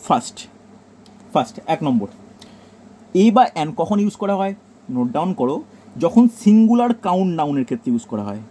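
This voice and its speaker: A man's voice: on the high side, dark tone, a little hiss or hum. A man with a Bengali accent teaching a grammar lesson, repeating his points and telling students to write them down.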